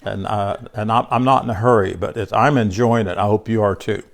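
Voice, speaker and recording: An older bible teacher leads a small group through scripture in a loose, conversational way, his lowish voice gravelly, brisk and fairly even. He sounds congested, often restarts words, and addresses listeners by name.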